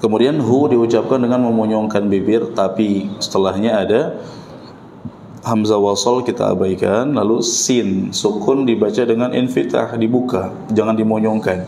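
An Indonesian man teaching Quran recitation in a mosque, patiently breaking down sounds and drilling them slowly. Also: lowish voice, fairly even intonation, gravelly, dark tone. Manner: patient, demonstrates pronunciation slowly and repeats drills. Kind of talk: mosque tajwid lesson. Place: mosque hall. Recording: echoey mosque room with faint hum.

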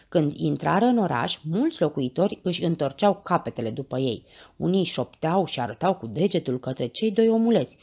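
A woman reading a bedtime story to children in a low, husky voice. She narrates expressively, and her pitch moves widely with a gravelly edge. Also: darkish tone.

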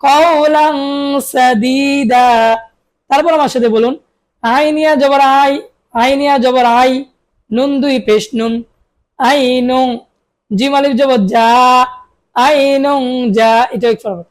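A woman with a Bangladeshi Bengali accent teaches Quran reading in a patient recitation drill. Her voice sits a little high as she spells syllables out, stretches them into long drawn sounds, and asks questions she answers herself. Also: fairly even intonation, a little slow, pauses often, darkish tone.

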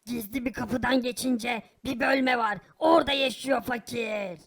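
A woman's voice: fairly high pitch, unhurried, a bit bright. A woman voicing a sly, shameless criminal in a cartoon who boasts about his crimes. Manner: sly, wheedling, casually boastful. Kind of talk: animated cartoon voice acting.

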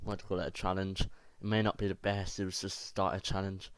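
A young man hosting a casual challenge vlog, talking in a halting, informal way. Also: sits low, level tone, clear, resonant tone. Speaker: video host. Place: small room indoors.

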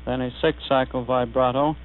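On a tinny, humming old recording, a man acting as demonstrator and announcer presents a technical demonstration formally and in measured fashion. His voice is medium-pitched with a level tone.

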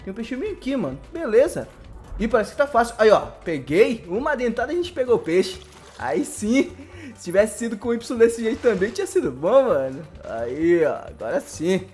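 A young man with a Brazilian accent giving excitable, slangy live commentary over gameplay and laughing often. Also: high-pitched, normal speed, faint music behind. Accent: Brazilian Portuguese. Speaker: gaming YouTuber.

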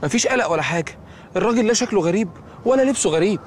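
Whiny nervous egyptian dude, high voice, talks fast, faint noise behind. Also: male voice, lively intonation. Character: anxious, clueless young man lost in time. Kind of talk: comedy series acting.

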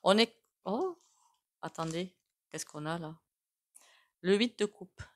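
Woman w a regional french accent, low voice, chatty tarot reading, thinking out loud. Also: lively intonation, slow pace. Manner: musing aloud, loose and conversational. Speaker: tarot reader and psychic. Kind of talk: casual spoken tarot reading.

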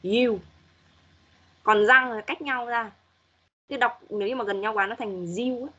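A woman's voice: on the high side, fairly even intonation, normal speed, pushed and bright, highs cut off. A woman English teacher giving patient, corrective feedback to students in an online class, modeling pronunciation as she goes.

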